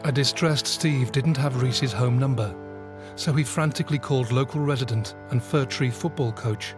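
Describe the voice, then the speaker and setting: A man giving scripted documentary narration, measured and grave. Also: medium pitch. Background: music score.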